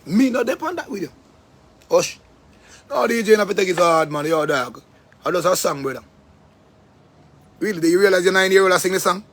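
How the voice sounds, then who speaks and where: A man with a Jamaican accent hosting a live stream, talking in a rambling, profane, animated way. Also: high-pitched, a little fast, pauses often. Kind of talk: casual live-stream rant.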